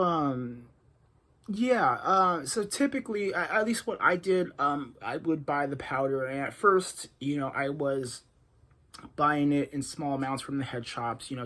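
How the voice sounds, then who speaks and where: A young man talks through his own recovery in a loose, candid monologue, speaking straight to camera. He stops often on ums and uhs and restarts his sentences. His voice sits at an ordinary, middle pitch. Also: a bit bright. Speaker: vlogger recounting his addiction recovery. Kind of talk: casual first-person monologue.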